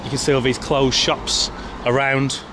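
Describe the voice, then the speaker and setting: A man's voice: medium pitch, flat delivery, moderate pace. A man hosting a travel vlog, narrating and chatting with people on the street in a friendly way. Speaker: travel vlogger and host. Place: outdoors on town streets. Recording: outdoor street noise with traffic.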